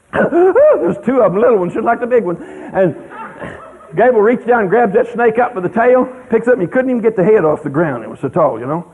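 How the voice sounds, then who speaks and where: A middle-aged man tells a folksy story to an audience in a rambling, animated drawl. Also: sits high, fairly quick, a little hiss or hum. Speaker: speaker telling a story to an audience. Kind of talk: folksy anecdote telling. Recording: tinny radio broadcast.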